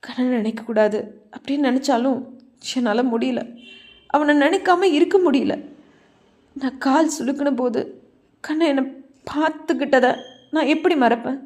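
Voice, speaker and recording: A woman voicing a young female college student, torn and heartbroken, speaking wistfully and quietly firm. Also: sits high, moderate pace, long pauses, natural voice.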